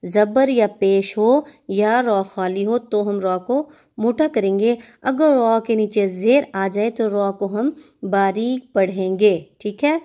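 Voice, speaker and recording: A woman with a Pakistani Urdu accent teaching Quran reading in a slow, drilled lesson, patiently repeating each sound for the learner to echo. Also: mid-range voice, warm tone. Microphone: online class recording.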